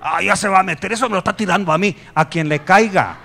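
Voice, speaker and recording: A man from Guatemala preaching a sermon, animated, jumping to loud emphasis and joking asides with the congregation. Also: high-pitched, quick pace. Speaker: pastor.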